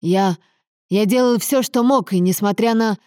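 A guilt-ridden middle-aged father, halting and breathless as he defends himself, in a woman reader's voice. The tone stays mellow and warm. Dry, close audiobook recording. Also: sits high, no echo, lightly acted. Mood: pleading.

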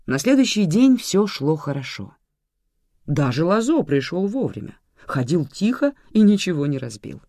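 A narrator reading a story aloud in an expressive way. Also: mid-range voice, normal speed, no room sound, clean studio sound. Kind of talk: audiobook narration.

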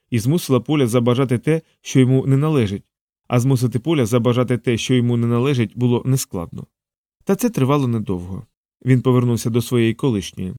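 A man narrating a science fiction audiobook in a steady, even storytelling manner. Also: mid-range voice, dry recording, studio quality. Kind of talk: scripted narration.

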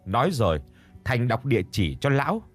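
Man narrating a ghost story, dramatic, lively pitch, faint music behind. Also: fairly quick. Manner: dramatic, expressive. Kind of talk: scripted horror story narration.

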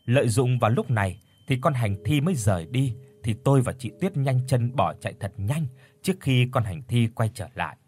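A man's voice: mid-range voice, animated, a little fast, a little mellow. A man narrating a horror story in a dramatic storytelling manner.

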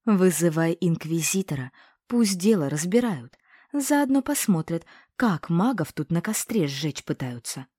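A woman reading a novel aloud, voicing a fierce, bossy witch who talks in a sharp, commanding way. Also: lowish voice, big pitch swings, unhurried, slightly rough, no room sound, studio quality, full character voice.

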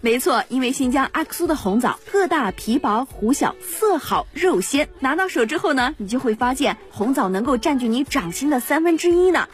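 Woman, high voice, hard-sell radio advertising, insistent, music underneath. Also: lively intonation, a little fast, hardly any pauses. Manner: insistent, repeats prices and hotline. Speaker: radio shopping presenter.

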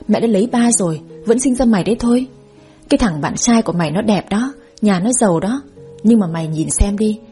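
A woman's voice: mid-range voice, dark tone, lightly acted. A woman voicing a stern, middle-aged rural mother who scolds and insists on getting her way.

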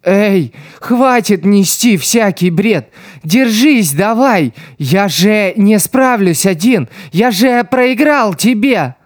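A man reading an audiobook voices a desperate, loyal teenage street boy who shouts and pleads in a raised voice. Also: a little high, big pitch swings, slow, no room sound, clean studio sound. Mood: desperate, pleading.

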